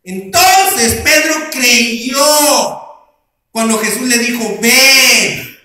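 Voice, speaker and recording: A man preaching in a church with a very high, bright and forceful voice. He takes his time, throws questions out to the congregation, then answers them himself. The sound booms around a very echoey room. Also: expressive, a little slow. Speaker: pastor. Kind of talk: sermon.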